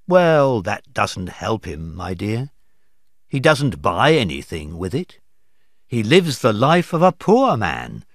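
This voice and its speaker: A man reading aloud voices a kind, cheerful young nephew with a raised, bright delivery. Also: medium pitch, no room sound, clean studio sound, heavily acted. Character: male kindly Cheerful nephew Fred.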